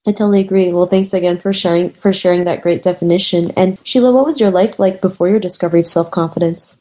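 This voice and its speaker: A woman's voice: fairly low pitch, steady tone, fast talker, mellow. A woman hosting an interview podcast, who keeps thanking and affirming her guest. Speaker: podcast host.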